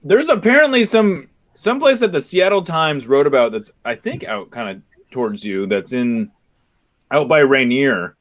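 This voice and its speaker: A man's voice: mid-range voice, animated, normal speed. A man hosting a casual chat, talking while he eats. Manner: chatty, talks with his mouth full. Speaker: podcast host.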